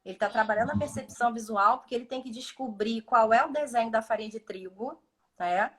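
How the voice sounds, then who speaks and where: A woman's voice: fairly high pitch, fairly quick, a bit bright. A woman speech therapist explaining cognitive activities in a live video call, often acting out short dialogues with patients.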